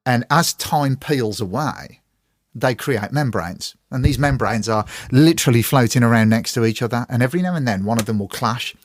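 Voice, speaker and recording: A British man hosting a podcast, telling a story in a casual, relaxed way. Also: medium pitch, normal speed, no echo, clean studio sound. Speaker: podcast host. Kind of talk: podcast conversation.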